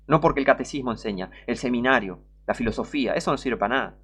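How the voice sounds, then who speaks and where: A man's voice: medium pitch, expressive, quick pace, a bit bright, slightly rough. A man with a Rioplatense Spanish accent who preaches an online sermon, emphatic and scolding, repeating his points and reading scripture aloud.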